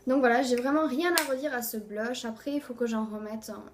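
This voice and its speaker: Casual beauty vlogger, a woman with a slightly raised voice, chatty, lets her phrases fade out quietly. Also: on the high side, a little hiss or hum. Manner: chatty, fills pauses with "voilà"; voice often trails off softly at phrase ends. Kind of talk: casual monthly favorites review.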